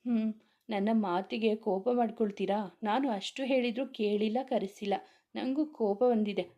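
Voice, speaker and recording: A woman's voice: medium pitch, steady tone, moderate pace, dull audio, lightly acted. A woman voicing a young man who begs his sister-in-law like a child, in a whiny way. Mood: pleading. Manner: whiny begging.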